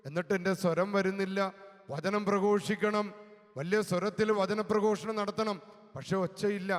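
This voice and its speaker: High-voiced Malayali priest preaching in a reverberant space. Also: male voice. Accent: Kerala Malayalam. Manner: slow, emphatic preaching with dramatic drops to soft, low speech. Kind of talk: sermon with personal testimony.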